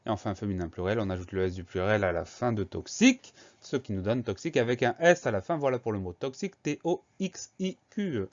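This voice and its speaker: A man's voice: on the low side, fast talker, few pauses, lo-fi sound. A man teaching a spelling lesson, patiently spelling words out letter by letter.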